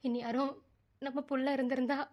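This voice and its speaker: A woman voicing a high-voiced grieving mother. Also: level tone, brisk, heavy background noise, close to an everyday voice. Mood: sorrowful. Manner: pleading, insistent. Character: grieving village mother sure her dead son lives. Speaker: cartoon voice actor. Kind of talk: animated drama dialogue.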